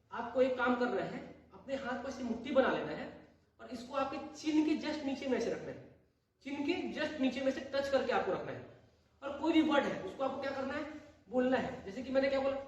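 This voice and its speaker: A male English teacher giving a classroom grammar lesson. He keeps asking questions and answering them himself, and he repeats words slowly. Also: very high voice, expressive, muffled recording. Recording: very echoey room, voice far from the mic.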